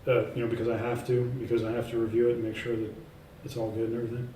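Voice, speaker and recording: A man's voice: medium pitch, monotone, quick pace, mellow, a little hiss or hum. A man speaking as an author and guest in a casual in-person interview, rambling through many fillers and restarts in an emphatic, self-assured way. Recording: echoey room, speaker far from mic, faint ambience.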